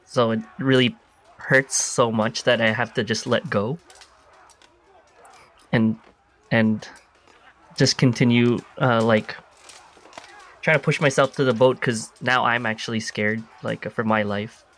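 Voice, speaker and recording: A man's voice: medium pitch, fairly even intonation, measured pace, long pauses, a bit bright. A man playing a tabletop game, describing his character's actions in a rambling way. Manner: rambling, frequent "like". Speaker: player. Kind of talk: in-character narration.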